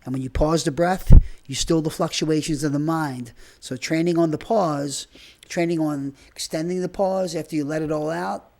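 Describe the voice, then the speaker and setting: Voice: mid-range voice, fairly even intonation, normal speed, vocal fry, darkish tone. A breathwork and movement trainer giving informal, rambling spoken instruction while demonstrating.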